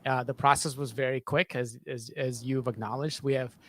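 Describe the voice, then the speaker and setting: Speaking on a video call from a small home studio, a man in his thirties who works as a sound designer explains his creative process in an interview answer. His speech is halting, with frequent repeated and restarted words, at a medium pitch in a steady tone. He is recorded close on a desk boom microphone.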